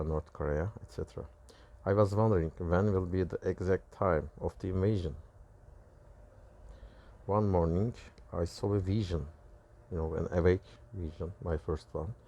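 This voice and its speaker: A religious video creator from Turkey, a native Turkish speaker with a Turkish accent, shares a personal testimony about visions. His low, creaky, warm voice moves in halting phrases as he keeps correcting himself.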